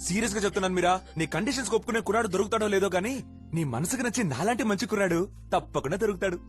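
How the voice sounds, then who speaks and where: A man's voice: sits high, faint music behind, natural voice. An actor playing an eager, lovestruck young man who fawns over a girl in a Telugu accent. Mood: fawning. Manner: fawning, rapid-fire.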